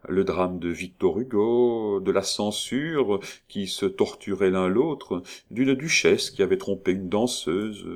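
A man reading a classic novel aloud in a measured, even narrating voice. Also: fairly low pitch. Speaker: audiobook narrator. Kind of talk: literary audiobook narration.

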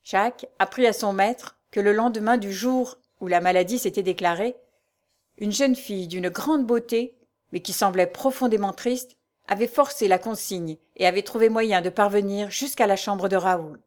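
Woman, audiobook narration, measured, literary, mid pitch.

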